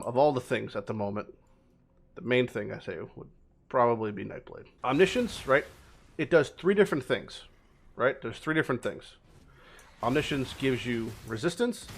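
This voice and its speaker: A man with a medium-pitched voice streams a game with casual commentary. He talks informally, swears freely and repeats words to drive things home. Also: slight background noise.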